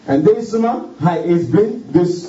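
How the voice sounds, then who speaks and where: A man preaches a sermon fervently in a high, expressive, mellow voice, speaking haltingly, repeating many words and pausing to say hallelujah. The recording sounds distant, roomy and dull.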